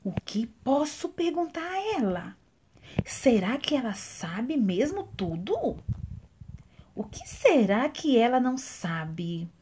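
A woman's voice: high voice, very animated, takes it slowly, hardly any pauses, darkish tone, a little hiss or hum, exaggerated voice. A woman storyteller voicing a clever, charming young man who poses riddles in a singsong, teasing way. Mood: pondering. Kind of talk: children's storytelling.

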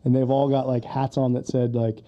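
A man's voice: medium pitch, little pitch movement, brisk, muffled recording. A man co-hosting a podcast, chatting casually, swearing often and acting out quotes with laughs. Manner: profane, laughing, acts out quotes. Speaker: podcast co-host. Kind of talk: casual chat.

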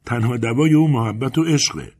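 A man voicing a grieving, fiery elderly woman in an audiobook, with a husky voice and heartfelt, pleading delivery. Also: fairly low pitch, expressive, darkish tone.

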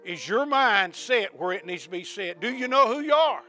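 A man preaching a sermon, repeating questions to the congregation and ending in a hushed prayer. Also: sits high, sing-song, normal speed, faint music behind. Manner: rising to shouts of praise, then hushed prayer.

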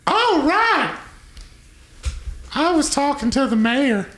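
A man puts on a flustered gnome worker for a tabletop game. The voice is pitched high and insists stubbornly, heard in a roomy space with some noise. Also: very animated, takes it slowly, heavily acted. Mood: indignant.

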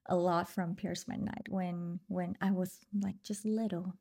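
A woman's voice: fairly low pitch, little pitch movement, measured pace, creaky, warm tone. A young woman from Vietnam with a Vietnamese accent, talking as a podcast guest in a hesitant, filler-heavy way. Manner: hesitant, many fillers, laughs lightly. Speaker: guest singer. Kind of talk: casual interview chat.

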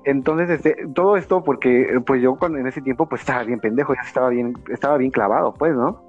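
A man with a Mexican accent tells a story in a loose, profane, animated way, often jumping up in pitch. His voice sits at a middle pitch. The recording sounds a bit muffled, with faint music underneath. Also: a little fast. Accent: Mexican Spanish. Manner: animated, slangy and profane, acts out quoted voices. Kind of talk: casual storytelling chat.

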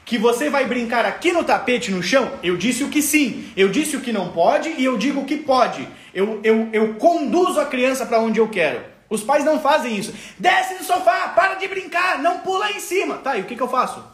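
Speaking with a Brazilian Portuguese accent, this man has an extremely high-pitched voice with lively intonation, talking at a moderate pace with few pauses in an echoey room. He's a parenting educator giving a live lesson and answering viewer questions, explaining things step by step, checking in often, and acting out the voices of parents and children.

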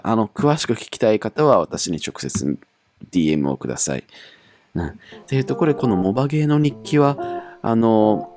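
A young man from Japan chatting casually and with self-mockery as he looks back over his old diary, with many fillers. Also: lowish voice.

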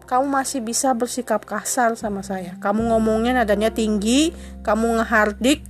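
A woman's voice: on the high side, normal speed, soft background music. A woman in an emotional dramatic monologue, confronting her husband in a reproachful, indignant voice and driving her accusations home with insistent repetition.

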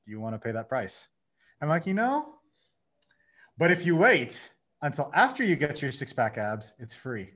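A man in his thirties, a guest on a podcast, telling his story in a lively way and acting out his own inner dialogue. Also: fairly high pitch, moderate pace. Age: 30s. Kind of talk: casual conversation.

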